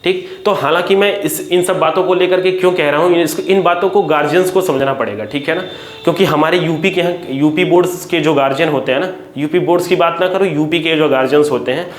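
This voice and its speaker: Earnest teacher, echoey room. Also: male voice, on the high side, quick pace. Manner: earnest, repeats "theek hai" often. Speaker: coaching teacher. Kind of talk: direct-to-camera talk to parents and students.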